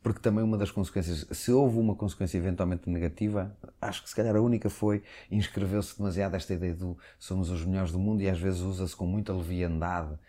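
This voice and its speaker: A man's voice: deep voice, steady tone, quick pace, hardly any pauses, mellow. A man from Portugal speaking European Portuguese, hosting a casual conversation and building long arguments. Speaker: host.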